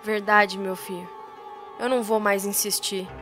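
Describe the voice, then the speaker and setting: A proud, weathered rancher father talks to his son in a low, muted, fatherly voice, as a woman narrator puts him on. Faint music runs behind him. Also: flat delivery, measured pace, natural voice. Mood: troubled. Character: gruff middle-aged rancher father, proud but tender.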